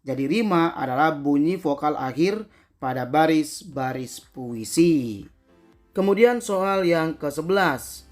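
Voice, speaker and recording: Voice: medium pitch, lively intonation, faint music behind. A teacher reading out quiz questions and answer choices one by one, then explaining each answer, often tagging "ya" after it. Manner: slow, deliberate reading of answer options, tag "ya" after answers.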